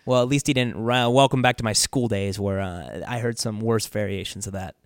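A man co-hosting a casual radio chat show, talking in a relaxed, chatty way and laughing easily. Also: fairly low pitch, fairly quick, clear, resonant tone, dry recording, clean studio sound. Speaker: co-host. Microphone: studio mic.

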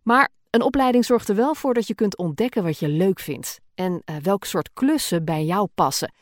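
A woman's voice: medium pitch, normal speed, no echo, studio quality. A podcast host and voice-over artist, a woman with a Gooise R, talking casually with frequent fillers as she answers listener questions. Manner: chatty, many fillers, occasional laughs.

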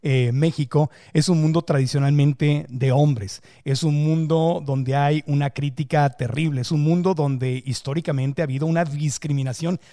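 A man's voice: on the high side, steady tone, normal speed, dark tone, dry recording, studio quality. A man hosting a podcast, asking questions and reflecting on the answers. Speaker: podcast host. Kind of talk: interview questions.

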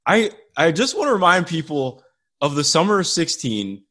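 A man's voice: a little high, very animated, moderate pace, sharp tone. Rambling Midwestern man, sports podcast. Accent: Midwestern American. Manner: rambling, self-interrupting, chuckling asides. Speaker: podcast co-host. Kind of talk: casual sports podcast chat.

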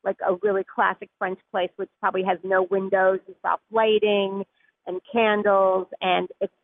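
A woman's voice: mid-range voice, flat delivery, normal speed, no echo. A woman food editor talking as a guest in a radio interview, chatty, with frequent laughs and many "like"s. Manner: chatty, laughs easily, uses "like" often. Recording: tinny phone line.

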